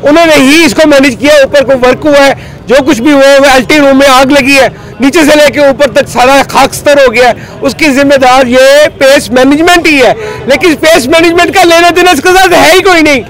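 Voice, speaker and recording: Talking briskly in an extremely high-pitched, slightly bright voice, a middle-aged market trader leader from Pakistan makes an agitated plea in a street interview. He gestures hard while speaking into a handheld reporter mic on a busy city street. The recording is rough, and a crowd can be faintly heard.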